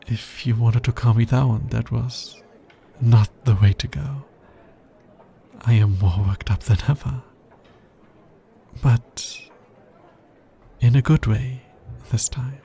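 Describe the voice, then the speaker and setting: A man's warm, mid-range voice carries a role as a nervous alien scientist who is smitten, in an intimate ASMR roleplay. He talks in a hesitant, earnest, carefully formal way, first flustered and then tender. There's slight background noise.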